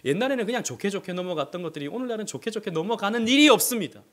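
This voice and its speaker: Male pastor, impassioned sermon delivery; high voice with a very animated pitch range; rhetorical questions, loud-to-hushed dynamics. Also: racing. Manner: impassioned preaching with sharp swings between loud and hushed.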